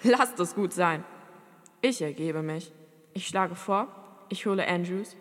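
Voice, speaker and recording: A woman's voice: lowish voice, measured pace, in a large hall. A woman playing a smug, scheming lord who gives cruel commands in an audio drama.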